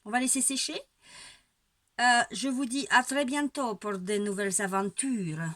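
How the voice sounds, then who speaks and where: An amateur painter with a cold, stuffy-nosed, demonstrates her technique casually at home in a fairly high, unhurried, a bit bright voice, with no echo and clean studio sound. She's hesitant and rambling, with repeated words and wry asides; the home recording has clear background noise and a dog barking now and then.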